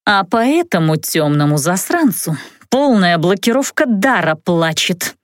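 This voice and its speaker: A fiery, stern middle-aged mother who talks sharply and scolds, voiced by a woman reading an audiobook. Her pitch swings widely. The sound is dry and close. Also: big pitch swings, a little slow, dry recording. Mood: stern, angry. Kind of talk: audiobook character voice.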